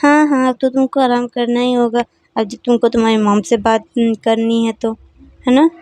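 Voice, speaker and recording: A woman's voice: on the high side, level tone, a little mellow, no echo, natural voice. A woman voicing a strict mother who nags and scolds her grown son with sarcasm. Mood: scolding. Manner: nagging, sarcastic, quick-tempered.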